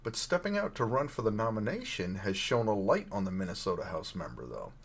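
Hoarse, husky-voiced male podcast host. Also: on the low side, very animated, a little fast. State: hoarse, frog in throat. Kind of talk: political news commentary.

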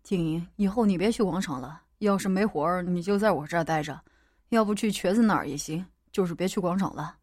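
A woman voicing a gloomy middle-aged male gang boss with a low, blunt and cold manner, as a character in an audiobook. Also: brisk, a little mellow, dry recording, studio quality, natural voice. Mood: heavy, weary.

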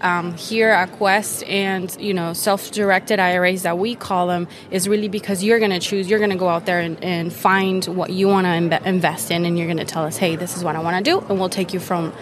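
Low-voiced woman guest from Venezuela. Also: level tone, a little fast, few pauses. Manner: eager, explanatory, frequent fillers. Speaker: guest, retirement account specialist. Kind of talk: conversational interview. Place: busy conference floor.

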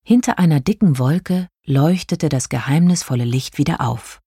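A middle-aged woman narrating a children's storybook in a calm, measured way, close to the mic. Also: low-pitched, husky, dry recording. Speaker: audiobook narrator. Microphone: close studio mic.

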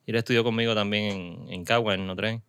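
A man's voice: lowish voice, steady tone, quick pace, a bit bright, smooth, no room sound. A Puerto Rican man hosting a podcast in a small studio, chatting casually and drifting into asides. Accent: Puerto Rican Spanish. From Puerto Rico. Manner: chatty, laughs often, trails into asides. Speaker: podcast host. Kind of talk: casual interview chat.

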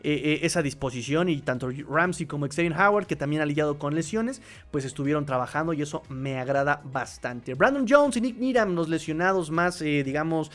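Excitable man hosting a sports show. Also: fairly high pitch, brisk, hardly any pauses. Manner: animated, excitable, with many fillers and restarts. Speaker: podcast host. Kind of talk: casual sports talk, reading viewer comments.

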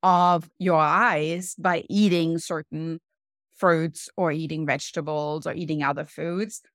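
A woman with a somewhat low voice talks earnestly on a podcast as a wellness coach. She explains things patiently and slows down to stress what matters. The sound is dry and close. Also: steady tone, no room sound. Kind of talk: podcast interview.

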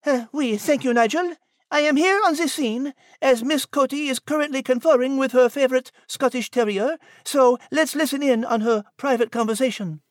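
A woman voicing a gentle, devout French woman with a French accent and a soft, polite way of talking. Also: high-pitched, moderate pace, no echo, clean studio sound, lightly acted.

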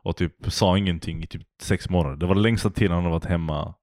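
A man's voice: deep voice, fairly even intonation, a little mellow, dry recording, studio quality. A man co-hosting a podcast, telling rambling stories in casual chat and laughing often. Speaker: podcast co-host.

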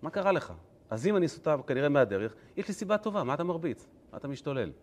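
A nagging female donkey, put on by a male teacher, scolds her rider in a loud, exasperated voice. The pitch jumps high and swings all over. She sounds fed up and indignant. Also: very animated.

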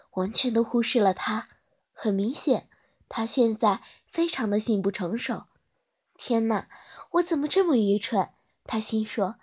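A woman narrating a story in a soft, steady reading voice. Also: fairly high pitch, breathy edge.

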